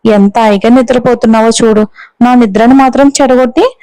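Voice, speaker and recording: A woman voicing a scheming young husband in a storybook reading, hushed and evasive, in her own clear voice. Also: on the high side, fairly even intonation, fairly quick, dry recording, close to an everyday voice, low-quality recording.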